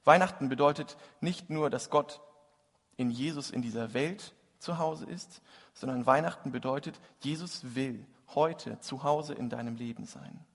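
Male preacher, husky voice, long church reverb, earnest gentle storytelling. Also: medium pitch, a little slow. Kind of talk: sermon with storytelling.

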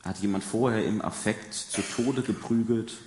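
A man preaching a sermon in a conversational way, asking the congregation questions and dropping to soft, quiet emphasis on key words. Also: on the low side, moderate pace. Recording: echoey hall with long reverb.

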